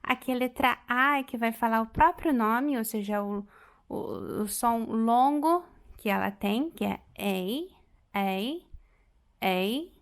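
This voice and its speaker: A woman in her thirties teaches an online lesson at an unhurried pace, walking through each point step by step. Her voice sits a bit high and carries a gravelly edge. She slows down further to repeat example phrases. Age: 30s. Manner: explains step by step, repeats English phrases slowly. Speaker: English teacher.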